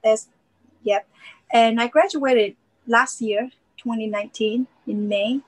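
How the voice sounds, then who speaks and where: A woman's voice: a little high, fairly even intonation, slow, low-quality recording. A woman born in Myanmar and raised in Thailand telling her story in an interview, with simple phrasing and many "you know" fillers. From Myanmar, grew up in Thailand. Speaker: missionary guest. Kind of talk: interview answers.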